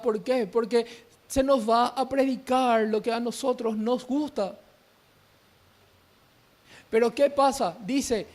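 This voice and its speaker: Very high-voiced guy from paraguay preaching, asks questions then answers them himself, slows way down on the big words. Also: a little mellow. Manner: quick, emphatic preaching that slows sharply on key words. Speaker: youth pastor. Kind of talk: sermon.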